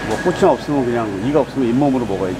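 A man in his fifties hosting a camping vlog, chatting casually through a face mask with relaxed, joking asides. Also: medium pitch, very fast, very noisy. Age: 50s. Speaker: vlog host on a camping trip. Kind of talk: casual chat.

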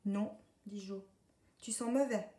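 A woman's voice: medium pitch, slow, dark tone, close to an everyday voice. A woman reading a storybook aloud, voicing a naughty little male duckling in a sulky, cheeky way. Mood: mischievous. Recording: echoey room, distant mic.

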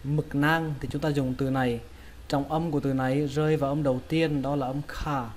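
A man teaching English pronunciation in a casual lesson, repeating each word slowly and carefully. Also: on the high side, little pitch movement, slight background noise. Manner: slow, drawn-out repetition of words.

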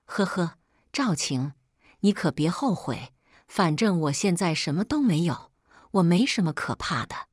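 A woman's voice: lowish voice, lively intonation, measured pace, dry recording, studio quality. A woman voicing a menacing, greedy father in his fifties who threatens his daughter. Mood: threatening. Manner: threatening, sneering. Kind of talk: scripted story narration.

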